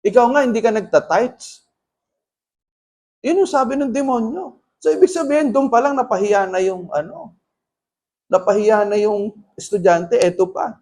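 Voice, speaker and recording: High-voiced pastor preaching a sermon. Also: male voice, moderate pace. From Philippines. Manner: animated storytelling, mixing English phrases in.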